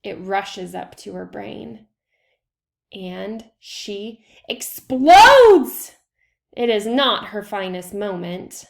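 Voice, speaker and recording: A woman's voice: mid-range voice, sing-song, drawn-out words, creaky. A woman reading a children's picture book aloud, telling it expressively and stressing key words. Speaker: read-aloud reader.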